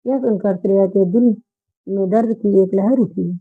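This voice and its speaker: A woman storyteller reads a romance story aloud at a steady, even pace. Her voice sits in a middle pitch. The recording is narrow and tinny, like a phone line. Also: normal speed. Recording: phone-like narrow band audio.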